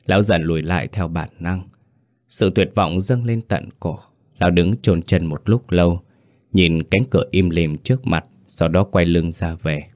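A man narrating a horror story in a slow, dramatic, deliberate scripted manner. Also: sits low, darkish tone, no echo, clean studio sound.

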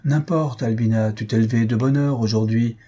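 A man voicing Silvius, a jovial young husband who argues playfully, with a very husky, dark voice. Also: medium pitch, fairly even intonation, normal speed, lightly acted.

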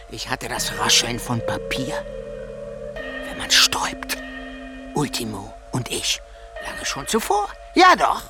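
In a heavily acted German radio play, a man voices a drowned wanderer, desperate and insistent on telling his story. His high voice recites in a halting, fragmented, rambling way, sometimes sinking to a whisper.

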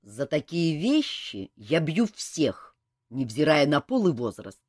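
A woman's voice: a bass voice, big pitch swings, slow, husky, no room sound, studio quality, pitched below the performer's own voice, full character voice. A woman reading an audiobook, voicing a wounded, angry man who wheezes his words curtly. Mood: bitter. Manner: wheezing and curt.

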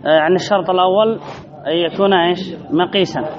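A man's voice: high-pitched, steady tone, rapid-fire. A man teaching a grammar lesson, reading a line then explaining it, repeating phrases and asking his listeners questions. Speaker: sheikh teaching Arabic grammar. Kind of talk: classroom lesson explaining a text. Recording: dull lo-fi recording with audience noise.

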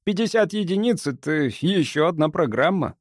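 A man's voice: fairly high pitch, expressive, moderate pace, no echo, clean studio sound, pitched above the performer's own voice. A man voicing a cocky, boastful male crewman who speaks in a raised, self-satisfied voice.

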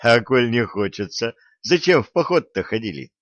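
A man voicing a skeptical, quick-witted wandering hero in an audiobook, pressing with questions. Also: mid-range voice, sing-song, no echo, lo-fi sound, natural voice. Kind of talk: audiobook character reading.

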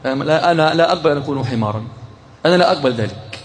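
A man with an Egyptian accent giving an animated, joking religious lecture, often firing questions at his listeners. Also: fairly high pitch, very fast. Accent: Egyptian Arabic. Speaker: religious teacher. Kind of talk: lively religious lecture to a live group.

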